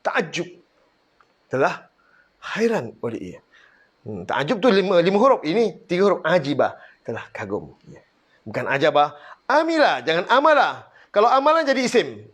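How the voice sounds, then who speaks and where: A man's voice: high voice, very animated, normal speed, husky. A man with a Malaysian Malay accent teaching Quranic Arabic grammar online, drilling words one by one and correcting mistakes.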